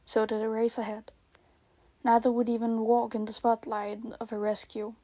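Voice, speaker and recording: A woman reading fan fiction aloud in a soft, earnest storytelling manner. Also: a little high, dry recording. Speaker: podfic reader. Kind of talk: scripted narration of fan fiction.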